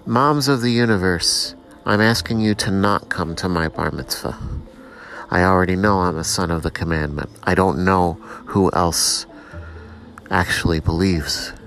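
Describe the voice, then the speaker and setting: Slow, low-voiced man rambling. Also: a bit bright, soft background music. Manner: rambling, self-mocking, preachy. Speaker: podcast host. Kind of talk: rambling solo monologue.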